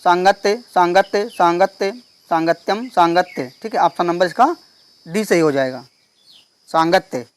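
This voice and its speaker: A male teacher solving an exam paper step by step. He reads each question slowly and keeps checking in with the class. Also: high-pitched. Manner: explains step by step, reads questions slowly, repeats "theek hai". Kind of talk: exam paper walkthrough lesson.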